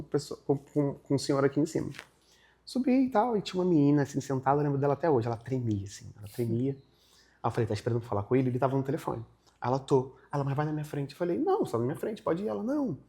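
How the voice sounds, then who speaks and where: A young man, telling a story in a casual interview and acting out the other people in it. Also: on the high side. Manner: animated, acts out other people's lines in his retelling. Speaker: guest.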